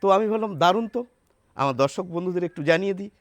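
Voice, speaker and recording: A man giving a friendly explanatory lesson, reciting rhyme lines slowly and often asking his viewers questions. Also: high voice, animated, no echo. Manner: asks rhetorical questions to viewers. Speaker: teacher.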